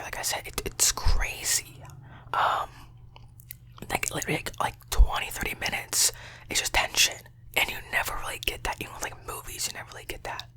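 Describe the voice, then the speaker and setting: A woman's voice: low voice, pushed and bright. A woman giving a casual, rambling ASMR review in a whisper, with hesitant, repetitive, informal phrasing.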